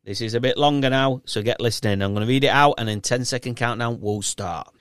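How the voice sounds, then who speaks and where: A man's voice: mid-range voice, fast talker, fairly bright tone, clear, resonant tone, no room sound, studio quality. A man with a thick Yorkshire accent hosting a casual podcast in a chatty, encouraging, matey way. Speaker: podcast host and quizmaster.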